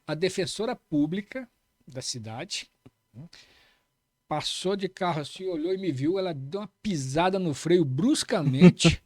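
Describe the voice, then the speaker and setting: A man's voice: fairly high pitch, lively intonation, a little slow, darkish tone, dry recording, clean studio sound. A middle-aged man, a police chief telling anecdotes in a casual interview, repeating key phrases and tagging lines with "né".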